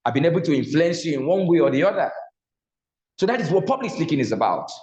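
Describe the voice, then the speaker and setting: A man's voice: fairly high pitch, very animated, fast talker, darkish tone. Nigerian male instructor in an echoey room. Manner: asks the class questions and answers them himself. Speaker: public speaking instructor. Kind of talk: classroom lecture. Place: classroom. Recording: echoey room, slightly dull sound.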